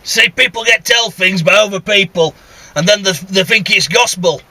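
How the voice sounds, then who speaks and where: A man with a Northern English accent, a CB radio vlogger, keeps up a casual, blunt driving monologue inside his vehicle, grumbling and swearing throughout. He speaks at normal speed, his high-pitched voice pushed and bright.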